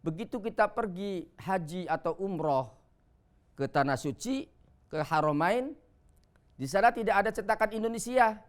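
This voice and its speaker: A man teaching Quran reading on a television program, explaining patiently and chanting Arabic verses slowly. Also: sits high, animated, clean tone. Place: TV studio.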